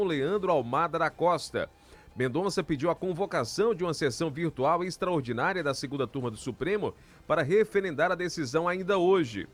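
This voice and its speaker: Casting: male radio news anchor, slightly high register, formal and measured. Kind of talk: scripted news reading.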